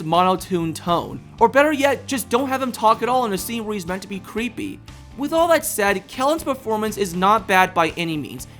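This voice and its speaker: A man's voice: high-pitched, a bit bright. A man hosting a video, delivering scripted review commentary.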